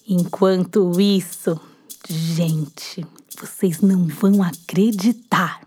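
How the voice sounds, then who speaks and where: A woman telling a children's story, lively and speaking directly to her listeners. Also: mid-range voice.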